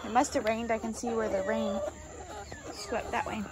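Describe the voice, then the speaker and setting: A woman's voice: on the high side, flat delivery, normal speed. A young woman, chatting casually on a homestead vlog and talking to her chickens, filmed on a phone at arm's length. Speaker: homestead vlogger. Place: backyard chicken run outdoors and home kitchen. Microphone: phone held at arm's length. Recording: outdoor noise with clucking chickens. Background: chickens clucking and roosters crowing.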